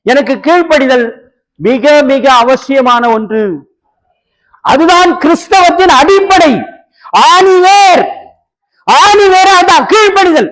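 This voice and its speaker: A man's voice: very high voice, animated, takes it slowly, pauses often, a bit bright, low-quality recording. A man preaching a sermon as an evangelist, acting out dialogue and rising to emphatic peaks. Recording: online radio broadcast.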